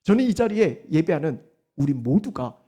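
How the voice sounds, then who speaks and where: Woman pastor preaching a sermon, husky voice, pitch jumping all over, lots of questions to the pews. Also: normal speed. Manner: animated preaching, frequent rhetorical questions to the congregation. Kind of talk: Sunday sermon.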